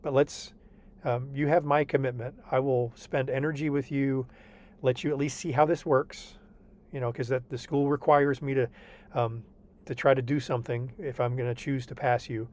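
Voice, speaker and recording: Over a video call, a man patiently walks a student through their homework, reassuring them and often checking in with "okay?". His mid-range voice is steady and slightly dark, at a normal speed.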